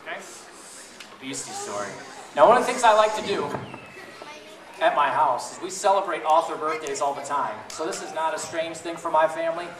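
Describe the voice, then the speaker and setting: A children's book reader and blogger reads aloud to families at a school event, theatrical and playful, often asking his listeners questions. His voice is a little high and at normal speed, with a crowd behind him. A distant mic picks him up in a large, echoey, noisy indoor room.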